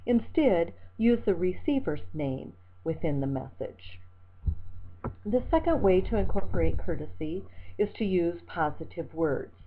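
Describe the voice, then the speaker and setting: A woman instructor gives a methodical slide lecture, reading examples and word lists aloud. Her voice sits a little low. The sound is thin and tinny, like a phone line. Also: expressive, measured pace. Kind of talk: recorded lecture over slides.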